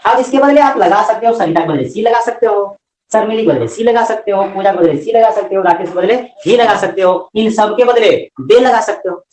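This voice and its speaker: A man with a Hindi accent teaching English grammar in a classroom lecture, lively and often asking questions that he then answers himself. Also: high-pitched, brisk, echoey room, slight background noise, poor audio.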